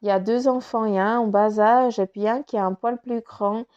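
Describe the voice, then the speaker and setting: A woman's voice: on the high side, steady tone, fairly quick, a little mellow, dull audio. A woman giving a casual spoken card reading, rambling with many fillers and restarts, her nose stuffy from crying. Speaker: spiritual card reader.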